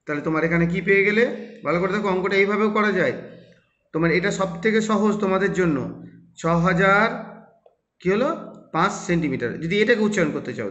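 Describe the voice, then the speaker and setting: A man's voice: high-pitched, fairly quick, a bit bright. A man teaching children arithmetic, explaining patiently step by step and asking and answering his own questions. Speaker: math teacher. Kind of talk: classroom math explanation for children. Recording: roomy, dull lo-fi recording.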